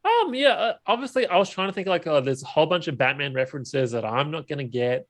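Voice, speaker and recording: Upbeat, higher-voiced male podcast co-host. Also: big pitch swings, fast. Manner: enthusiastic, steers the conversation, laughs while talking. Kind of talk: casual chat about a film.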